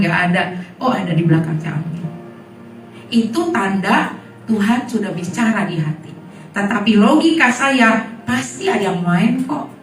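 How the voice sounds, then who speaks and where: A woman preacher giving a sermon with personal testimony, telling stories with lively acted-out dialogue. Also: medium pitch. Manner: lively storytelling, acting out dialogue. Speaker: guest preacher. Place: church hall. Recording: echoey hall, mic from far off.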